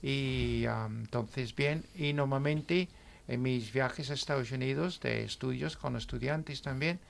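A man in his sixties, an English native with an accent in Spanish, chatting as a radio guest in a halting way, often checking with "¿bien?". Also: mid-range voice, creaky. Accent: English speaker in Spanish. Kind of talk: casual radio chat.

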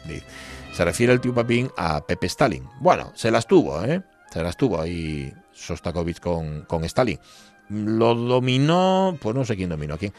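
A man's voice: deep voice, expressive, normal speed, a little mellow. A man with an Asturian accent hosting a radio show, reading listener messages in a chatty, joking way. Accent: Asturian Spanish. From Asturias, Spain. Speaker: radio host. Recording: radio studio with music bed.

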